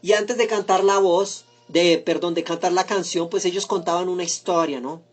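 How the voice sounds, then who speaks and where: A male pastor with a mixed accent delivers a relaxed, conversational sermon. He poses rhetorical questions, restarts his sentences and tags them with a questioning "¿no?", warmly addressing his congregation as brothers. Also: high-pitched, normal speed.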